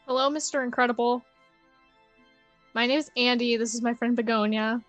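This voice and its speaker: A woman's voice: a little high, steady tone, moderate pace, fairly bright tone, no room sound, faint music behind. A woman playing a tabletop game, improvising her character's dialogue in a casual way. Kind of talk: casual improvised role-play.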